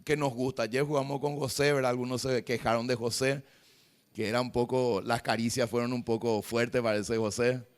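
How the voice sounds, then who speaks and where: Pastor preaching a sermon. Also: male voice, medium pitch, flat delivery, moderate pace. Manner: tags sentences with a questioning "right?"; swings from loud exclamations to hushed confessional tone. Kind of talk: preached sermon with personal story. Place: church service before a congregation.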